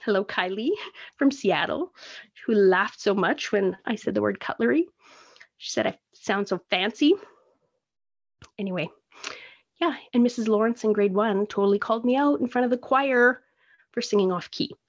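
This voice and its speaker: A Canadian woman rambles in a chatty, self-deprecating way while hosting her own casual solo podcast. Her mid-range voice moves at normal speed with frequent pauses, and the phone recording cuts off the highs.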